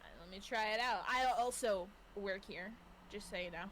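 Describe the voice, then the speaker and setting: A woman's voice: mid-range voice, normal speed, fairly bright tone. A woman playing a tabletop game, joking and teasing the game master. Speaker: player. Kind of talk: tabletop role-play banter.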